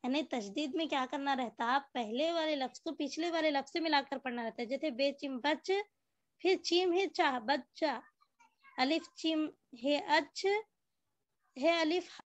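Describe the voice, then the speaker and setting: A woman with a high voice teaches a reading lesson at a slow, measured pace. She works patiently through lists of example words and poses questions she answers herself. The sound is dull and lo-fi with no room echo. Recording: dull, dry lo-fi recording.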